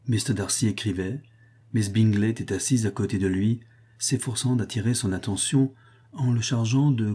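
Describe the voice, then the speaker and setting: A man narrating a classic novel in a steady, even manner. His voice is dark and mellow with a husky grain. This is scripted audiobook reading. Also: on the low side.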